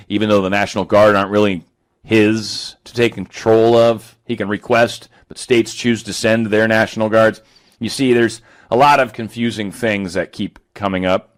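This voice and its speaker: Sarcastic man riffing on headlines. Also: fairly low pitch. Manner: sarcastic, reads quotes aloud and riffs on them. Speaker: political commentary host. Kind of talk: casual political commentary, reading headlines.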